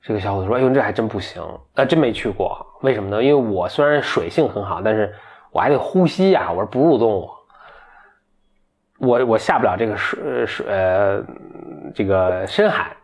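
A man's voice: on the low side, lively intonation, fairly quick, a little mellow. Chatty man retelling a folk tale. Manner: chatty, voices the characters lightly, laughs at the story. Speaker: storyteller.

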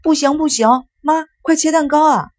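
A woman voicing an excitable, whiny young boy who is the little brother, speaking high and pleading. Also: moderate pace, natural voice. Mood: whiny, excited.

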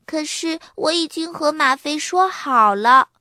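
A woman's voice: high voice, lively intonation, measured pace, bright, forceful tone, no room sound, studio quality, pitched above the performer's own voice, full character voice. A woman voicing a spirited, helpful young girl monkey in a read-aloud children's storybook. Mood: regretful.

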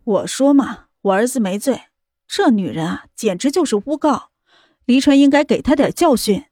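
A woman voicing a smug, scornful middle-aged mother in a lowered, haughty tone. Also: animated, moderate pace, a little mellow, no room sound, studio quality.

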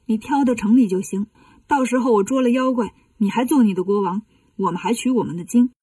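A woman's voice: on the high side, brisk, warm tone, husky, no room sound, recorded from a distance. A woman voicing a clever, cheeky male monkey king in a children's story, teasing and playful.

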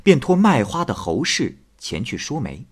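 A man narrating a classic tale in an animated storytelling manner. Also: mid-range voice, moderate pace, husky.

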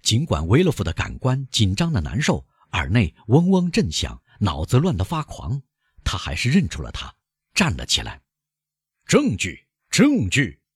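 A man narrating an audiobook in a dramatic, expressive reading. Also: on the low side, normal speed, breathy edge, no echo, clean studio sound.

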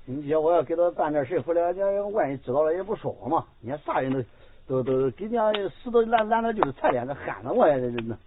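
A woman's voice: sits low, animated, fast, pauses often. A woman playing an irritated young village man in a folk comedy skit, brusquely shooing someone away and singing a ditty. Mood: annoyed. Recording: tinny lo-fi phone-like sound.

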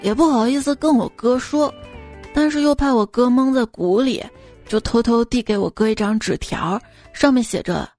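A woman's voice: a little high, normal speed, darkish tone, soft background music. A woman hosting a radio joke segment, reading one short gag after another and raising her voice for the quoted characters. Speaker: radio host telling jokes.

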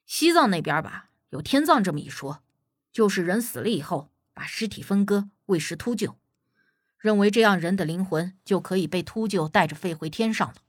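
Woman doing a gruff-ish middle-aged team leader guy, low and patient, folksy, dry close read. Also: animated, moderate pace, no room sound. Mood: explaining. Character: middle-aged male expedition team leader, plain-spoken.

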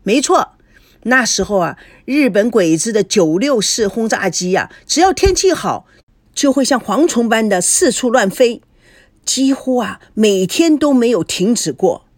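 A woman's voice: fairly high pitch, expressive, measured pace, dry recording, clean studio sound. A woman voicing an elderly war survivor who reminisces over drinks with a drawling, sighing way of telling stories. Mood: reminiscing.

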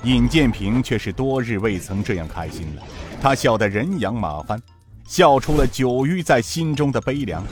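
Animated male storyteller. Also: mid-range voice, moderate pace, faint music behind. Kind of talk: serialized martial-arts story narration.

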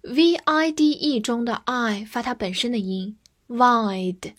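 Young female teacher whose first language is Chinese; higher voice, unhurried, spells out each word and models the example sentences slowly. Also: expressive. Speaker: English vocabulary teacher. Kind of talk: vocabulary lesson, spelling and slow model reading.

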